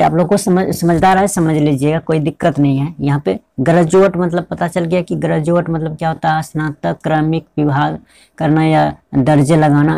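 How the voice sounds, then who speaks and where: A male teacher explains pronunciation at a steady, patient pace, spelling words out letter by letter and repeating each one. His voice is gravelly and mellow, and the recording is dry and close. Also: fairly high pitch, dry recording. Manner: repeats words and asks the listener rhetorical checks. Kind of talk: classroom-style explanation.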